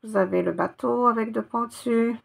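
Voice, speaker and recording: A woman's voice: on the high side, moderate pace, creaky. A woman teaching Arabic letters one by one, patiently spelling out each sound and repeating it. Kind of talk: step-by-step reading lesson.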